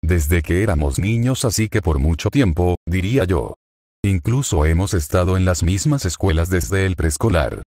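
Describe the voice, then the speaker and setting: A resigned, unflappable teenage schoolboy from a storybook fanfic, voiced by a man reading. He speaks dryly in a deep, low voice, recorded close with a dead, dry sound. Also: lively intonation, normal speed, a little mellow, no room sound.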